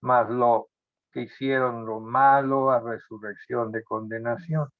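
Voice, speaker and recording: A man preaching a sermon as pastor, speaking deliberately and often repeating phrases or restarting words. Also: medium pitch, fairly even intonation, no room sound. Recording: dull lo-fi sound.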